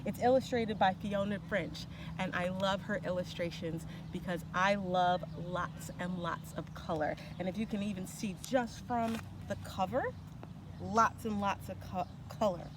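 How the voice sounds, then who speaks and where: A woman who is a children's storyteller gives a casual introduction and an animated read-aloud for kids. Her medium-pitched voice is unhurried with fairly even intonation, and clear ambient background noise is present.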